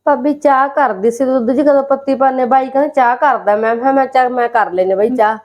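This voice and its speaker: A woman playing a gentle married sister who speaks mildly and plaintively. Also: sits high, a little fast, lightly acted. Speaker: married sister visiting her brother.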